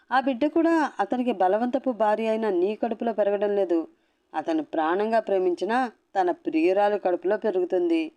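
A woman's voice: medium pitch, mellow, lightly acted. A woman voicing a smug, scheming mother-in-law who gloats coldly in a storybook reading. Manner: gloating, serious.

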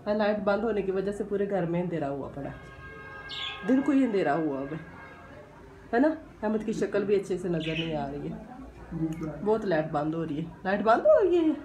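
A woman's voice: fairly low pitch, expressive, normal speed, long pauses, warm tone, soft background music. A woman with a Pakistani Urdu accent, playfully teasing a toddler in a sing-song voice while filming a home vlog. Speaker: vlogger. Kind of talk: playful baby-talk narration to a child. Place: home during a power cut.

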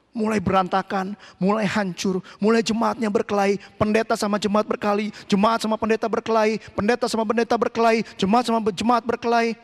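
Pastor guy preaching, really high voice, shouts out now and then, long echo in a church hall. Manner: preaching with sudden shouts, mixing in English phrases. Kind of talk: sermon.

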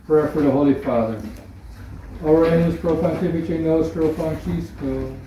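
A man, a priest, reciting formal liturgical prayers in a solemn, measured manner. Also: a little high, mellow. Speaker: priest leading prayers at Benediction. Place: indoors at a candlelit church altar. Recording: echoey noisy church, far from mic.

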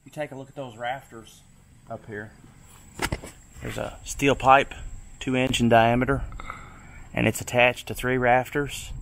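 A tobacco farmer with a Kentucky accent walks through his open barn outdoors, casually explaining how it was built in practical detail. His voice is medium-pitched and a bit bright, with a little hiss or hum on the recording.

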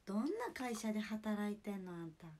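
A young woman plays a bossy middle-aged snack-bar mama with a Toyama dialect, scolding and nosy. The voice swoops up high and drawls, pushed well above her own pitch. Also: fairly quick, darkish tone, lightly acted.

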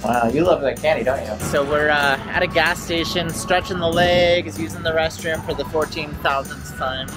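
A man's voice: a little high, moderate pace, few pauses, over music. A man in his thirties narrating a family road trip vlog in a chatty, offhand way, filming himself at arm's length in the car and at stops. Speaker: family travel vlogger. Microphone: handheld camera at arm's length.

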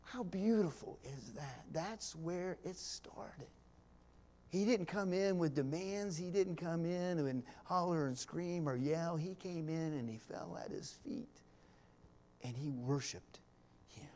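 Slow-talking, impassioned man preaching a sermon. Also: fairly high pitch. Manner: swings from hushed near-whispers to loud impassioned climaxes, drawn-out pauses; folksy, with small laughs and asides. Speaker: pastor. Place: church sanctuary.

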